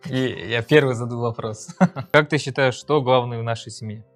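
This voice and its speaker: A man's voice: medium pitch, fairly even intonation, moderate pace, fairly bright tone, faint music behind. A man in his thirties answering in a casual couple Q&A, easygoing and hesitant with many fillers. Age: 30s. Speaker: interviewee, husband. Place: studio.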